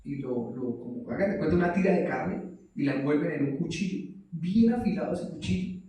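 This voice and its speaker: A man preaching a sermon who often turns questions to his listeners and moves between loud cries and soft asides. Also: a little high, a little fast. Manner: animated, rising to loud exclamations and dropping to soft asides. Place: church hall. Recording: echoey hall, mic at a distance.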